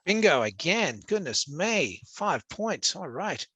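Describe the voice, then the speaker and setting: A man's voice: a little high, very animated, takes it slowly, fairly bright tone, husky, dry recording. An Australian man teaching an interactive class, upbeat and joking as he hands out quiz points to encourage his students.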